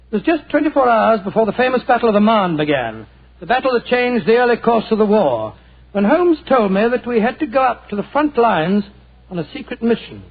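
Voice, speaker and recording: A man's voice: high-pitched, breathy edge, full character voice. An actor playing elderly Doctor Watson, a genial old doctor telling a story in a 1940s radio drama, with a fatherly, chatty manner. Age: older. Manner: fatherly, chatty, halting restarts. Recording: tinny 1940s radio transcription.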